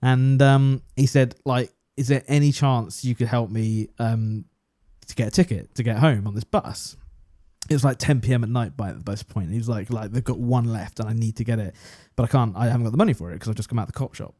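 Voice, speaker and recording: On a podcast, a young English co-host spins a casual yarn, chatty and poking fun at himself as he voices both people in the exchange. His medium-pitched voice is warm and brisk, captured in a dry, studio-quality recording.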